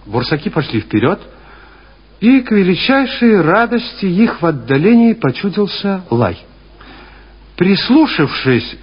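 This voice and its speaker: A man narrating an audiobook in a theatrical, expressive literary reading, in a dull lo-fi archive recording. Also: a little high, husky. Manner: theatrical, lively storytelling.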